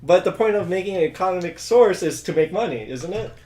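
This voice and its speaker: A man's voice: sits high, expressive, a little fast, a little mellow, echoey room, faint music behind. A young man co-hosting a podcast, chatting casually in a hesitant way and making puns. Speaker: podcast co-host. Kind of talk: casual chat.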